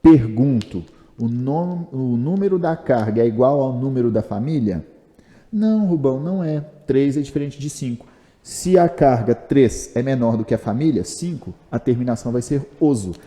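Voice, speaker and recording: A man's voice: medium pitch, normal speed, mellow, big-room sound. A Brazilian man teaching chemistry in a chatty video lesson, asking himself questions and answering them, with jokes at his own expense. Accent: Brazilian Portuguese. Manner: jokey and self-mocking. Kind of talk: video lesson explaining step by step.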